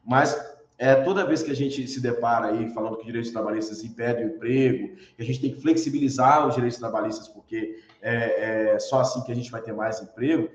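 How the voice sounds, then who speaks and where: This recorded online university lecture features a man with a Brazilian Portuguese accent speaking fairly quickly in a mid-range voice with fairly even intonation. He explains, raises rhetorical questions and answers them, and uses tag questions often. The recording is echoey, dull and lo-fi.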